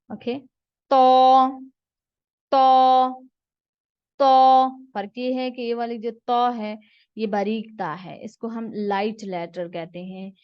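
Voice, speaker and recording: In a pronunciation lesson for reading the Quran, a woman with a mid-range voice works through the material step by step, repeating every letter sound patiently a number of times. The close recording is dull and dry, without any room sound.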